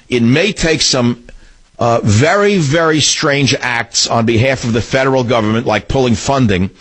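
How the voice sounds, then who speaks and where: Husky male radio host, combative, sneering, studio mic. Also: medium pitch, fairly bright tone. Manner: combative, sneering, rants in bursts. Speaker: radio talk show host. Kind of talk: political talk radio.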